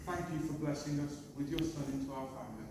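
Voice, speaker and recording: High-voiced father giving a very echoey wedding speech. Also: fast. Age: middle-aged. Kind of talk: wedding speech and toast, read out in short phrases. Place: large reception hall. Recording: very echoey noisy hall, far from mic.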